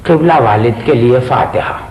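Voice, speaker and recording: A man's voice: medium pitch, moderate pace, darkish tone, close to an everyday voice. An actor from Pakistan playing a touchy, poetry-loving middle-aged father in a studio TV drama, exclaiming theatrically. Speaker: father of the household. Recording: echoey studio set.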